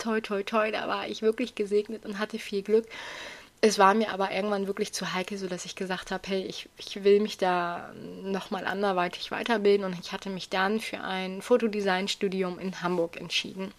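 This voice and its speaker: A young adult woman hosts a solo podcast, chatting casually in a hoarse, raspy voice with self-deprecating asides. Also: mid-range voice. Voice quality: raspy, grating voice. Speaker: podcast host.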